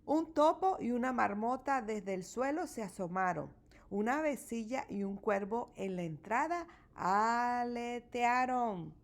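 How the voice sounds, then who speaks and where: A woman reading a children's rhyming picture book aloud with an expressive, rhythmic delivery. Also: fairly high pitch, measured pace. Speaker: storybook reader.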